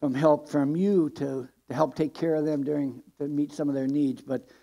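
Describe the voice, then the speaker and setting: An older Midwestern American man gives church announcements as pastor, his voice gravelly and mellow. He speaks haltingly, with many ums and uhs, from a lectern in a sanctuary. His pitch sits a little high for a man. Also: steady tone. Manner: halting, many filler words.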